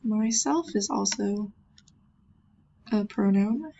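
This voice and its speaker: A woman's voice: mid-range voice, slow pace, gravelly, mellow, dull audio, a little hiss or hum. A woman teacher giving a virtual classroom lesson, patiently sounding words out and making chatty, self-deprecating asides. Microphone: computer mic.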